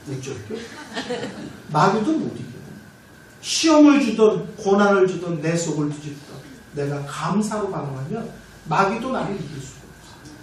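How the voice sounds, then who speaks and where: A man's voice: high-pitched, a bit bright, slight background noise. A male pastor preaching a revival sermon, telling stories with acted voices and leading the congregation in call-and-response. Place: large church sanctuary. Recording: echoey church hall from far off.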